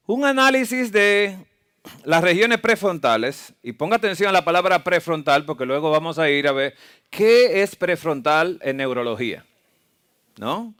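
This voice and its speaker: A man's voice: high voice, expressive, measured pace, long pauses, fairly bright tone, smooth. A man preaching a sermon that mixes medical slides with scripture, asking the congregation frequent rhetorical questions. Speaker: preacher and health lecturer. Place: church camp meeting.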